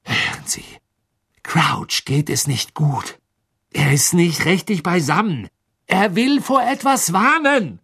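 A man voicing a teenage boy wizard who talks urgently and breathlessly, pleading and shouting, in a husky voice. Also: on the high side, animated, normal speed, voice pushed up.

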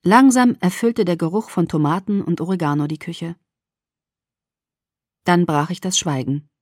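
A woman narrating a novel in the first person, measured and clear. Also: fairly low pitch, no echo, studio quality. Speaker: audiobook narrator. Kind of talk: scripted narration.

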